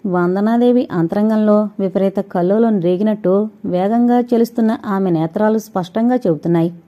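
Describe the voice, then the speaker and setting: A woman narrating a novel as an audiobook, in a measured, steady storytelling manner. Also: medium pitch, muffled recording.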